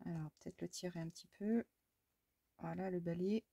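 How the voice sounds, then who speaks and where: A woman's voice: fairly low pitch, fairly even intonation, moderate pace, creaky, dark tone, no echo, muffled recording. A woman from France chatting casually as she works on a scrapbook, muttering to herself, exclaiming at small mishaps and talking fondly to her cat. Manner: talks fondly to her cat between steps. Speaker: scrapbooking crafter. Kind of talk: casual crafting vlog chat.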